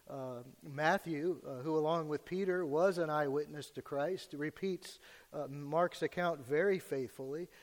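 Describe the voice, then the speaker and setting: An American man preaching an expository sermon at a pulpit microphone in a church, in an earnest, measured way with frequent pauses. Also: fairly high pitch. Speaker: pastor preaching to a congregation. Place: large church hall. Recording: reverberant hall, long reverb.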